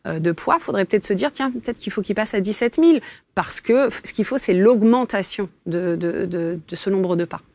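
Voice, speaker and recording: A woman's voice: mid-range voice, moderate pace, no room sound. Chatty dietitian woman, dry sound. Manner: lively explaining, frequent hesitations and fillers. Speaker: dietitian guest. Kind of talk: casual interview chat.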